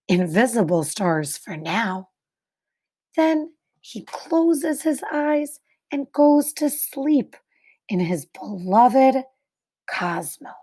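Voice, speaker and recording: In a slightly high voice, a woman shares a children's picture book aloud like a teacher, with careful, expressive phrasing and dramatic pauses.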